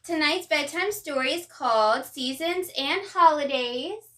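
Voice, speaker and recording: A woman's voice: sits high, unhurried, bright, forceful tone, slight background noise. A woman hosting a bedtime story, reading a children's storybook aloud and chatting with young listeners through questions. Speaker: bedtime story host and reader.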